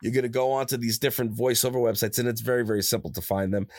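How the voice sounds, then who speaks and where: A voice actor guest chats casually in an interview, telling rambling, animated stories and often repeating himself at a very fast clip. His natural voice is higher-pitched. He's recorded in his own studio on a close studio microphone.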